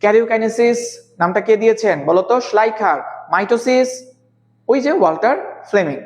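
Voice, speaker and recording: Slow-spoken man teaching biology. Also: high-pitched, darkish tone. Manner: slow, deliberate, repeats key terms and quizzes students. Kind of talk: live online class.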